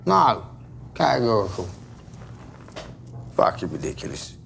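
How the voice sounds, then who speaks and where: Unhinged mob boss, low gravelly voice, lurching from bluster to whispers, over a noisy soundtrack. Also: male voice, wildly swooping pitch, measured pace, full character voice. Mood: menacing. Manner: rambling, swings from loud jovial bluster to menacing whispers. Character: volatile London gangster, bakery-distillery boss, middle-aged man.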